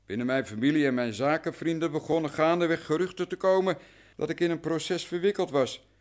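Speaking a little high and briskly, a man lightly acts the part of a long-suffering client in a Dutch radio drama. The character is anxious, deferential and talkative, going over matters at length and meticulously, in an earnest, resigned mood.

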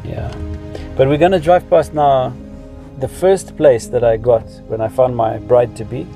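This vlogger, a man in his fifties with a Zimbabwean accent, reminisces and explains as he tells personal stories in a relaxed way. His voice is medium-pitched and warm, with fairly even intonation and a measured pace, and music plays behind him.

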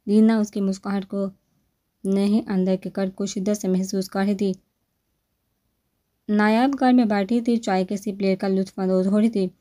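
Woman reading a novel, mellow voice. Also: medium pitch, little pitch movement, long pauses. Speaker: narrator.

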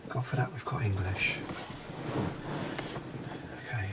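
A man working as a psychic medium, describing impressions in a halting, hesitant way inside a railway carriage during a paranormal investigation. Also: fairly low pitch, steady tone, very noisy.

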